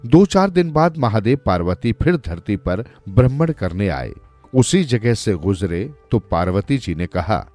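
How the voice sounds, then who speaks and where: A man narrating moral stories for a cartoon in an expressive storytelling manner. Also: lowish voice, a little slow, no room sound, soft background music.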